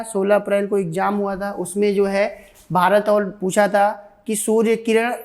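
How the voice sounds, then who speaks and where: An Indian woman teaches an online coaching class at an ordinary middle pitch. She repeats each point and answers her own questions, as in a recorded classroom lecture. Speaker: defence exam coaching teacher.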